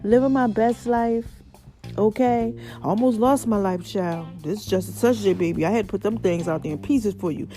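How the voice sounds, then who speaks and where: A woman podcast host giving a casual, excited motivational monologue, with a slight lisp and mouthful-sounding speech from stitches after mouth surgery. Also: mid-range voice, moderate pace, faint music behind. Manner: excited, folksy, repeats phrases for emphasis.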